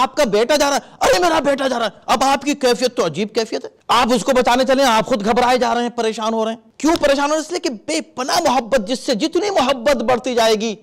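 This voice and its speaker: High-voiced man giving animated Quran commentary. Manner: animated, acts out warning shouts in examples. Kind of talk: sermon-style Quran commentary.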